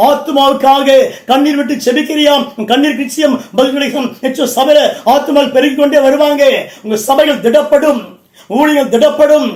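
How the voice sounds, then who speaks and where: A man's voice: very high-pitched, darkish tone, reverberant. A man, a bishop, preaching a Pentecostal sermon in a church. He speaks emphatically in short repeated phrases and calls out directly to his listeners.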